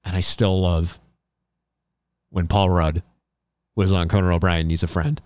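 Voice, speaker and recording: Smooth-voiced man hosting a podcast chat. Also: sits low, little pitch movement, measured pace, darkish tone, no room sound. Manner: rambling, chatty, restarts sentences. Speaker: podcast host. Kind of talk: casual chat.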